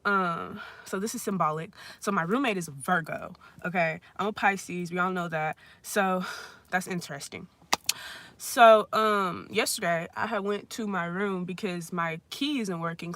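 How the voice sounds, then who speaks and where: Someone in their twenties tells a rambling storytime rant for a vlog at a friend's house, leaning constantly on "like" and using blunt, profane wording. The voice is mid-range and a bit bright.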